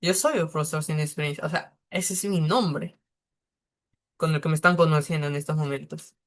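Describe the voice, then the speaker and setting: A man's voice: fairly high pitch, normal speed, fairly bright tone. Man teaching a beginner English lesson. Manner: patient, explains step by step.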